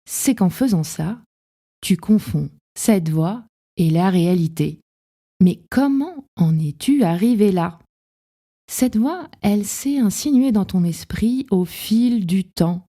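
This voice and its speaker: Une femme qui anime un podcast de développement personnel et parle calmement à l'auditeur en le tutoyant. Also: female voice, lowish voice. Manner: gentle, addresses the listener directly. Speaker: podcast host. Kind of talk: calm self-help podcast talk.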